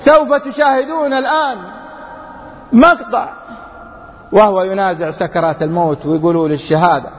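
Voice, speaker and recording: A man preaching a fervent sermon to a large crowd, his voice climbing to high, emphatic peaks. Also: normal speed, pauses often. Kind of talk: impassioned sermon. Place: large lecture hall before a crowd. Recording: tinny phone-like sound with long hall reverb.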